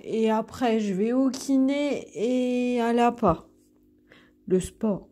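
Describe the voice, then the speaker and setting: Slow, mellow-voiced woman vlogging from hospital. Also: on the high side. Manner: chatty, unhurried, self-deprecating. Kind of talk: casual video diary. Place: hospital room.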